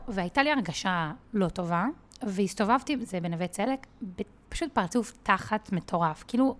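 Woman guest on a podcast telling a story, lots of fillers, talks kinda animated. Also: mid-range voice. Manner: chatty, many fillers and restarts, vivid storytelling. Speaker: podcast guest, content creator. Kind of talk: casual personal storytelling.

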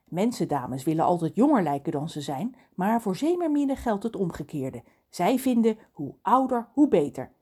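A woman narrating a children's audiobook in an expressive storytelling manner. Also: mid-range voice, normal speed, breathy edge.

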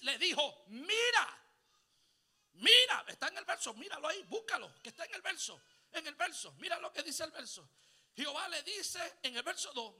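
High, bright-voiced pastor preaching. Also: male voice. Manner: call-and-response preaching, rising to shouts; drops in English exclamations. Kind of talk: Pentecostal sermon.

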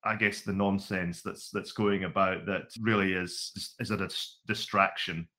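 A Scottish man in his forties co-hosts a casual podcast from a home room full of vintage computers, telling stories with wry, self-deprecating humor. His voice is deep, steady, unhurried, and sharp in tone.

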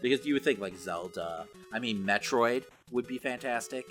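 A man co-hosts a casual pop culture podcast, chatting conversationally with lots of "like" and "you know." His voice is medium-pitched at a normal speed, with music playing in the background.

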